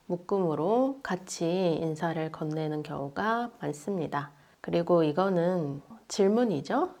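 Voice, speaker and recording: A woman English teacher who explains patiently with a slightly low voice. She models English phrases slowly and clearly. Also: darkish tone. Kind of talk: language lesson explanation.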